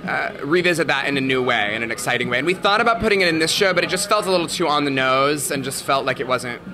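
A man's voice: fairly high pitch, animated, fast. A man from Los Angeles, a drag performer, talking upbeat and rambling as an interview guest in a busy restaurant. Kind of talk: casual interview chat. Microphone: handheld mic. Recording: crowded restaurant chatter behind. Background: restaurant crowd chatter.

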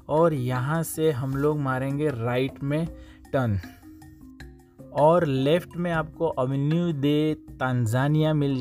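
A man's voice: a little high, darkish tone. A young man narrating a casual travel vlog while riding a motorbike through city streets, talking to viewers as friends. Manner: chatty, addresses viewers as friends. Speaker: vlogger.

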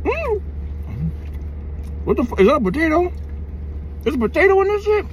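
A man's voice: very high-pitched, sing-song, moderate pace, slight background noise. A man reviewing food in a casual vlog, talking slangily and thinking aloud while he chews with his mouth full. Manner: slangy, laid-back, thinking aloud between bites.

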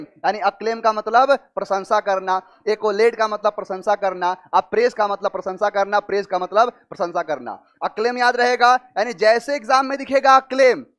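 Male tutor, very high voice, drills word meanings with questions. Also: a bit bright. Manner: explains with repeated questions to students. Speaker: teacher. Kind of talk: vocabulary lesson with memory tricks.

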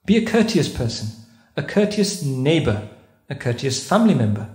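Inside a carpeted mosque prayer hall, a man invited to a conference lectures in a sermon style, posing questions to listeners and reciting Arabic verses. His mid-range voice swings widely in pitch at a moderate pace, a little mellow, with an echoey room sound.

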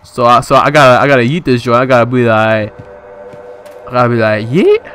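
A young man giving comedic let's play commentary, excitable and slangy, often yelping and shrieking in panic. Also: medium pitch, brisk, a little hiss or hum. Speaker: gaming video host.

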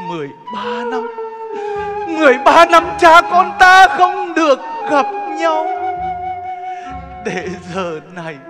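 A man's voice: very high voice, sing-song, heavily acted. A man playing an aging king who grieves for his lost son, singing and crying out in the wailing style of Vietnamese chèo theatre. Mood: anxious grief. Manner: wailing sung laments, drawn-out cries. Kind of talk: traditional Vietnamese chèo singing and stage acting. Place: theatre stage. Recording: loud traditional music behind the singing.

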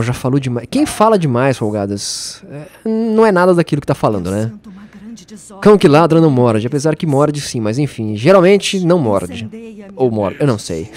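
A man's voice: medium pitch, darkish tone. A man giving casual gameplay commentary, playfully taunting enemies and laughing often. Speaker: let's play host.

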